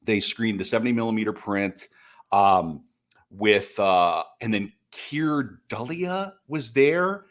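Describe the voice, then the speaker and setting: With a fairly low pitch and an animated delivery, a middle-aged American from North Dakota takes his time telling stories on a podcast. He is casual and enthusiastic, rambling along conversationally.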